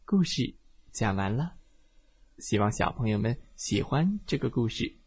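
A man telling a bedtime story to children, lively and expressive as he narrates. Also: mid-range voice, a little slow, slightly rough.

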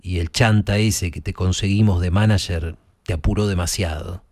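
A man's voice: sits low, steady tone, normal speed, darkish tone, no echo, clean studio sound. [name], a man reading as a guilty older brother. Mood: casual. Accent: Argentine Spanish. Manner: casual, evasive. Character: guilty older brother, weakly excusing himself.

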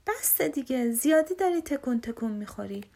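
A woman voicing a young, proud, quick-tempered big brother bear in a storybook reading. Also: sits high, expressive. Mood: playful. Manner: shouts, then turns gentle.

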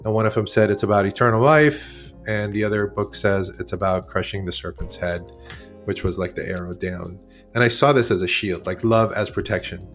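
A man's voice: lowish voice, a little fast, soft background music. A man in his forties, originally from Iran, talking as a guest artist in a casual interview, rambling and correcting himself as he goes. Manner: rambling, candid, self-correcting.

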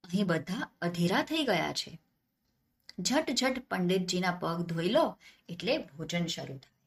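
A woman's voice: on the low side, big pitch swings, unhurried. A woman voicing a gracious, humble king who speaks politely and courteously in a storybook tale.

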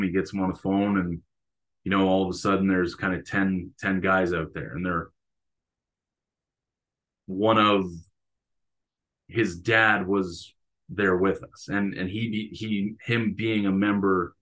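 Deep-voiced man telling a story. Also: fairly bright tone. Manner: reflective, storytelling. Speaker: football coach and teacher. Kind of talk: casual interview conversation.

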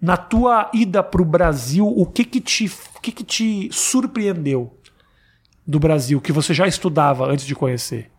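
A man's voice: on the high side, a little slow, breathy edge. A man interviewing a guest in a joking, teasing chat. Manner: teasing, playful.

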